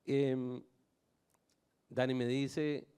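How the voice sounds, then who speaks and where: Here is a man born in Nicaragua giving his testimony to a church audience. His voice sits at an ordinary middle pitch, and he tells his story with easy, lightly humorous anecdotes. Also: level tone, extremely slow, dark tone, clean tone.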